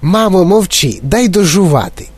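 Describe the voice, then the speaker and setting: A man's voice: high voice, sing-song, measured pace, mellow, slightly rough, no room sound, pitched above the performer's own voice, heavily acted. A man voicing a greedy, spoiled girl chewing gum in a storybook reading. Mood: bratty.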